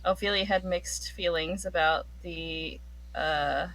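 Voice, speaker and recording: A woman chats as a player in a tabletop game session. Her voice sits a little low but sounds bright and forceful. She jokes with the table and laughs readily. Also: rough recording. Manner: animated, joking, quick to laugh. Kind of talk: casual tabletop game chat.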